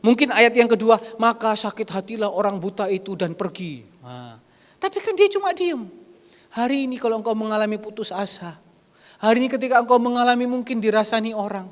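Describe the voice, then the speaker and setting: Animated high-voiced preacher in echoing church. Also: male voice. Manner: animated, acts out quoted voices, jokes with the congregation. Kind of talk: sermon. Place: church hall. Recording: reverberant church hall.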